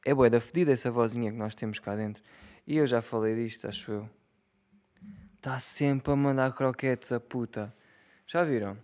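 A young man with a European Portuguese accent riffs alone to his audience in a casual monologue. He jokes, swears freely and laughs at his own lines, his voice sitting at an ordinary mid pitch. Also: normal speed, a little mellow. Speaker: solo podcaster. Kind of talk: casual solo monologue to viewers.

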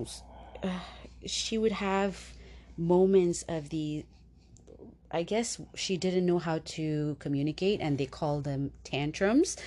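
A mother co-hosting a casual faith and parenting conversation, telling stories in an unhurried way, with frequent fillers. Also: low-pitched, darkish tone. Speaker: podcast co-host, mother.

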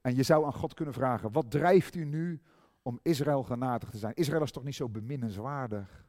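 A middle-aged male preacher giving a sermon, swinging from loud emphasis to hushed tenderness and drawing out key words slowly. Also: mid-range voice, no room sound, studio quality. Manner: slow, drawn-out stress on key words.

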